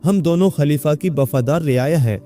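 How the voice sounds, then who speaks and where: Figure: man doing a worried elderly mother, coaxing and soft, storybook reading. Pitch raised, mellow tone. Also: faint music behind, natural voice. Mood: pleading. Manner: pleading, coaxing. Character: old mother, worried and pleading.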